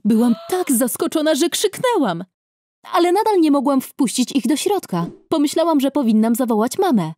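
A young adult woman narrating a scripted first-person story in an expressive storytelling manner. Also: high voice, normal speed, no echo, clean studio sound.

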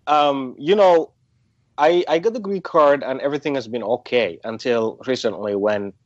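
A man's voice: mid-range voice, normal speed, dry recording. Somali man, hesitant, on a muffled line. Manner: hesitant, many restarts and fillers. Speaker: interviewee. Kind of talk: phone interview.

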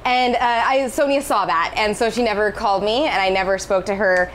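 A young adult woman, a restaurant co-owner, telling stories candidly and relaxed in an interview, lapel mic in a small kitchen. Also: medium pitch, fairly quick, a little hiss or hum, rough recording. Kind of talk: casual interview. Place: small commercial kitchen, indoors. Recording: music bed underneath.

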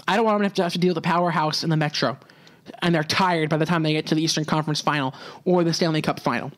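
A man's voice: fairly high pitch, steady tone, racing, fairly bright tone. A young man hosting his own solo hockey podcast, talking casually and throwing in sarcastic asides. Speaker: podcast host.

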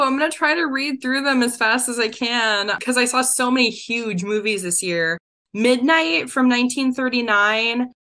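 A woman co-hosting a podcast in a casual chat. Her voice is bright and sits a little high, and she rattles eagerly through a list. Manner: enthusiastic, rapid list-reading. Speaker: podcast co-host.

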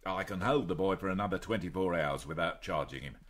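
A man playing a sceptical, stubborn English police inspector in a radio drama, gruff and exasperated. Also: low voice, a little fast, a bit bright. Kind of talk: BBC radio drama acting.

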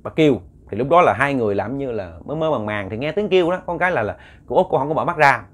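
A man's voice: medium pitch, expressive, fast. A man with a Southern Vietnamese accent narrates a late-night ghost story. He rambles with fillers and repeated words and speaks directly to his listeners.

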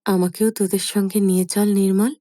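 A woman voicing an elderly mother in a storybook reading, speaking slowly and hesitantly with a quiet pleading tone. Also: on the high side, sing-song, no echo, studio quality. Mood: wistful. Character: elderly widowed mother, wistful and startled. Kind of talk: audiobook character voice.

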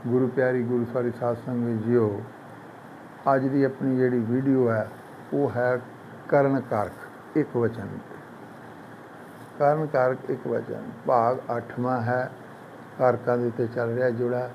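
A man teaching the grammar of Sikh scripture in a devotional lesson, explaining slowly, repeating each point and chanting the quoted verses. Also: mid-range voice, little pitch movement, muffled recording, a little hiss or hum.

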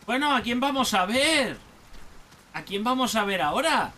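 A young man with a Spain Spanish accent chatters through let's play commentary, bursting into exclamations as he talks to himself. His voice sits high and swings widely in pitch, with a bright, sharp tone. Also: expressive, moderate pace, slight background noise. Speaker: gaming YouTuber.

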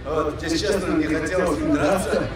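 A young man, a fighter, giving a halting, earnest unscripted speech into a handheld microphone outdoors. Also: a little high, fairly even intonation. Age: young adult. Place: outdoor ring among crowd. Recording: echoing PA, distant, loud crowd.

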